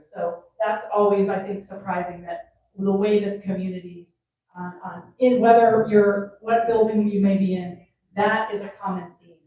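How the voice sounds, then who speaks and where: A woman's voice: mid-range voice, dark tone, a little hiss or hum. A woman who works at a senior community, hosting a resident panel in a chatty way, laughing often and restarting sentences. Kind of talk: casual panel talk. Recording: echoey room, picked up from far off.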